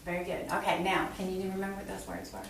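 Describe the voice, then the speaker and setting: A middle-aged woman with a lowish, sing-song voice talks fast while, as a nursing instructor, she demonstrates a clinical exam and explains each step aloud to the patient. This takes place in a small exam room with block walls, recorded by a camera a few feet away that gives roomy, distant audio with faint noise.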